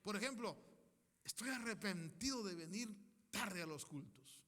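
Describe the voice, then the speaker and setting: A man's voice: high-pitched, expressive, unhurried, bright, forceful tone, long reverb tail. A man preaching a sermon, emphatic, calling his congregation to repeat declarations after him and acting out quoted people.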